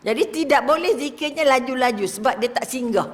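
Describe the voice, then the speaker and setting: A woman's voice: sits high, brisk. Older Malaysian woman preaching in a hall. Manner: lively, asks rhetorical questions, drops to whispers to demonstrate prayer. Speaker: religious teacher. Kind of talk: religious lecture to an audience. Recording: reverberant hall.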